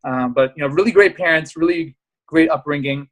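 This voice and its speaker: Male guest, 30s, born in Pakistan. Quick, eager talker, a bit high, lots of fillers. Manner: animated, rapid storytelling with fillers. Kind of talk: casual interview chat.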